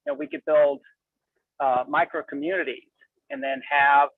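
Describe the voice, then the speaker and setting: A man calling in by cell phone while driving, speaking in a halting, rambling way with many fillers and restarts. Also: a little high, sing-song, creaky, husky, no echo. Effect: calling in by cell phone from a moving car. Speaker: caller. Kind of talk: call-in open mic. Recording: tinny distant phone line.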